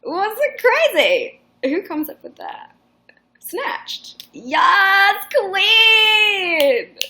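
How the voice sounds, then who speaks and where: Extremely high-pitched with big swings in pitch, a sharp-toned woman speaks very slowly. She's a singer in her twenties with a mixed Northern English accent, running a casual livestream Q&A with fans, full of rambling, swearing and restarts.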